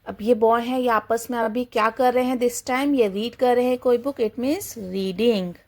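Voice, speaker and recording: Slow, patient woman teacher. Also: on the high side. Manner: slow, patient explaining, asks questions and answers them herself; imitates animal sounds. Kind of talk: kindergarten English lesson in Hindi and English.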